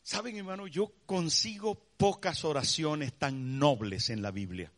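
A man with a slightly high voice preaches a sermon at a measured pace. He tells scenes dramatically, acting them out with shouts, calls his listeners "brother," and fires off many rhetorical questions.

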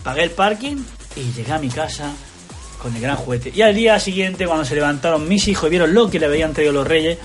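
Catalan guy, high voice, talking fast on a podcast, faint music behind. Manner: animated anecdote-telling, acts out quotes. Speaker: podcast co-host. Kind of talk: casual chat, storytelling.

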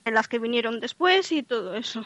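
High-pitched young spanish woman, guest on a radio show, lots of ums and restarts, kinda dull lo-fi sound. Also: expressive, moderate pace, fairly bright tone, no room sound. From Spain. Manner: hesitant, many fillers and restarts. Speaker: novelist guest. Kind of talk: casual radio interview.

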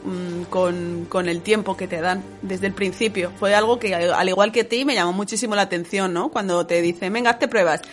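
A woman's voice: medium pitch, steady tone, moderate pace, hardly any pauses, soft background music. A woman co-hosting a casual podcast, chatting easily and teasing her co-hosts.

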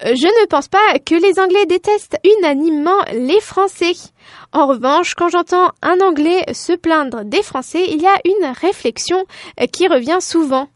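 A woman's voice: very high-pitched, moderate pace, no echo, clean studio sound. A woman from France hosting a radio show, reading a scripted talk segment with frequent hesitant fillers. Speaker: radio host.

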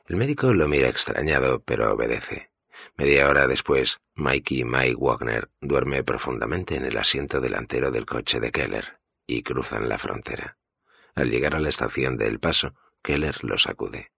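A man narrating an audiobook in a steady, grave way. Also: rumbling low, moderate pace, creaky, slightly rough, dry recording, clean studio sound.

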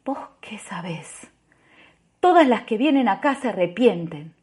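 A woman doing a weary, hushed young pregnant woman. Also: medium pitch, very animated, breathy edge, full character voice. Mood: hushed defiant. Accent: Argentine Spanish. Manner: hushed, slow, half-whispered.

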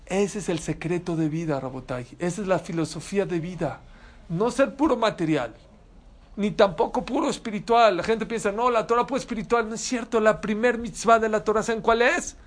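High-voiced emphatic rabbi. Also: male voice, a little fast. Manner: animated, emphatic, asks the audience questions. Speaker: rabbi teaching a Torah class. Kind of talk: sermon.

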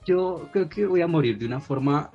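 A man's voice: on the high side, animated, normal speed, lo-fi sound, faint music behind. A man chatting casually, telling a story in a self-deprecating way. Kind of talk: casual chat.

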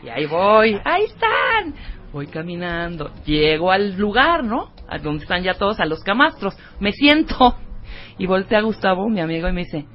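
A woman's voice: mid-range voice, normal speed. Mexican lady cracking up telling a story, bouncy voice, kinda muffled radio sound. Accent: Mexican Spanish. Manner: animated, laughing, acts out voices in her story. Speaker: co-host. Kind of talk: casual storytelling chat.

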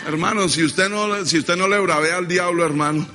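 A man's voice: high voice, normal speed, sharp tone, in a large hall, faint music behind. A male pastor with a Colombian accent preaching in a church and leading the congregation in call-and-repeat. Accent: Colombian Spanish. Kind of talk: sermon.

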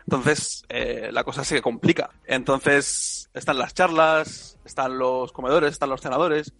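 A man's voice: medium pitch, fairly even intonation, a little slow, creaky, a bit bright, dry recording, faint music behind. A man in his twenties from Spain, a researcher answering radio interview questions with frequent hesitations and restarts. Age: 20s. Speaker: guest, researcher.

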